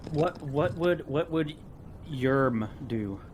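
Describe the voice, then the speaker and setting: A man's voice: on the high side, lively intonation, takes it slowly, darkish tone, slight background noise. A man playing a casual tabletop game, goofing around and riffing on the group's jokes. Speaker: player.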